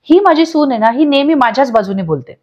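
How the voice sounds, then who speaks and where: A woman's voice: sits high, animated, fast talker. A woman doing a jovial teasing uncle. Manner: playful, bantering. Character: middle-aged man, jovial teasing father-in-law. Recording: slightly dull lo-fi audio.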